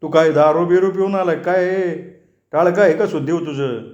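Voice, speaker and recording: A man's voice: on the high side, moderate pace, a little mellow, lo-fi sound, pitched above the performer's own voice, lightly acted. A fretful old village father from a storybook, acted by a man in a raised voice, coaxing and worried. His pleading lines echo in a roomy space. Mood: anxious. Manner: anxious, coaxing.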